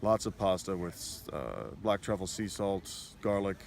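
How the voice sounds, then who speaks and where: A man's voice: sits low, very animated, a little slow, gravelly, a little mellow. A man in his late thirties answering interview questions in a casual, upbeat way. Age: 30s. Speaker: riverboat tour guide.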